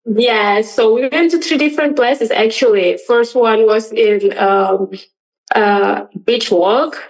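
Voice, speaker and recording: A woman's voice: a little high, slow, recorded from a distance, poor audio. A young woman from Papua, Indonesia, answering questions in a casual radio interview, hesitant, with many fillers and laughs. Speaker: guest.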